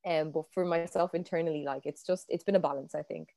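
A young woman talks things through in a relaxed, searching way, pausing on fillers and restarting her sentences. Her voice sits a touch low for a woman. The sound is close and dry, with no room around it. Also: vocal fry, no room sound. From Ireland. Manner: thoughtful, many fillers and restarts. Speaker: panel guest. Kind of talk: casual conversation.

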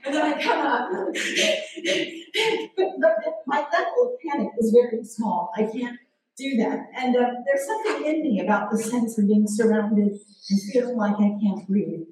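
Woman preacher, forties, lively self-mocking delivery, high voice, heard from far off in a very echoey church hall with faint noise. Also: moderate pace. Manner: animated, self-mocking storytelling with frequent laughter. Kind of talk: sermon.

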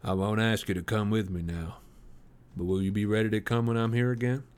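A man reading aloud, voicing an earnest young frontiersman in a low, hushed, tender tone. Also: fairly even intonation, brisk, clean tone, lightly acted.

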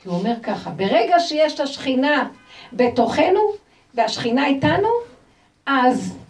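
A woman gives an animated religious lecture in a high voice, often turning to her listeners with rhetorical questions. She is caught from some distance off the mic. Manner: expressive, rhetorical questions to the audience. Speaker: Torah teacher.

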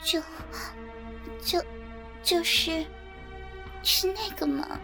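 A woman voicing a bashful young woman who speaks softly and coyly. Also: very high voice, extremely slow, over music, pitched above the performer's own voice, exaggerated voice. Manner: soft, coy and breathy.

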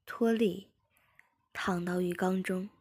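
A woman reading a story aloud in a steady, hushed whispered role-play. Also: lowish voice, slow, slightly rough. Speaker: story reader.

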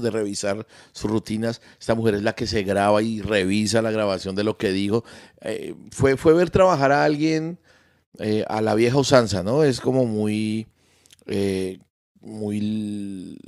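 A man's voice: lowish voice, no room sound, clean studio sound. A man talking casually on a podcast, telling stories with lots of repeated words. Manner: animated storyteller, repeats words. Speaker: comedian guest.

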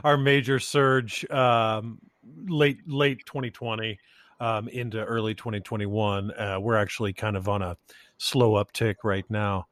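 A man's voice: lowish voice, measured pace, no room sound. Joking male host with a dry sound. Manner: relaxed, joking, with many fillers. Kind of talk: casual interview chat.

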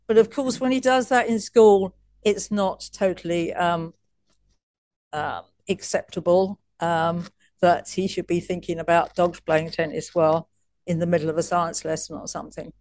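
A woman's voice: fairly low pitch, fairly even intonation, normal speed, darkish tone, no room sound. A woman coach as an interview guest, telling stories in a chatty way with frequent restarts and laughs. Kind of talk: casual interview storytelling.

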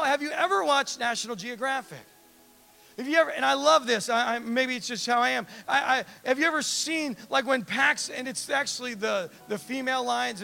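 Pastor preaching in church, really high voice, gravelly, all fired up and chatty. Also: male voice. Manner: animated, emphatic, conversational preaching. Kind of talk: sermon.

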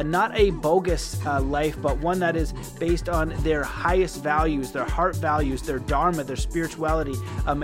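Earnest male podcast host, fairly high voice. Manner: earnest, promotional, with many fillers. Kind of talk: podcast intro and interview.

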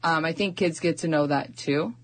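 Young female teacher, low register, relaxed and chatty, filler-heavy interview talk. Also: normal speed. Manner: chatty, uses many fillers. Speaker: first grade teacher. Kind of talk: casual radio interview.

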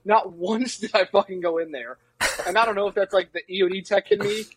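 A man's voice: high voice, fairly even intonation, fairly quick, slightly rough, dry recording, rough recording. A man talking as a podcast guest in casual chat, wry and self-mocking, swearing and laughing.

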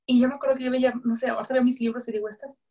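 A young woman with a slightly high voice shares a personal faith testimony in a relaxed, conversational way. She acts out what she once said to herself and keeps circling back with fillers and self-corrections. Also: very fast. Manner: animated storyteller who acts out her own past words. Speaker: guest sharing a faith testimony.

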